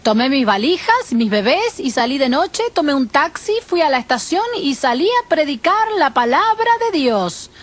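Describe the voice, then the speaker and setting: A woman preacher telling her first-person testimony in an expressive, dramatic storytelling manner. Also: high voice, normal speed, few pauses.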